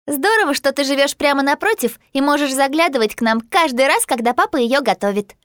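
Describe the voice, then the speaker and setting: A woman voicing an enthusiastic young girl who loves animals, speaking in a high, sing-song, excited way. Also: a little fast, no echo, studio quality. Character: enthusiastic curly-haired girl, animal lover.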